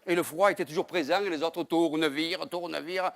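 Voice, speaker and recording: A man's voice: a little high, fairly even intonation, brisk, vocal fry. A male comedian telling a rambling comic story on a small theater stage, chatty, with frequent asides and crude exclamations. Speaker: stand-up comedian.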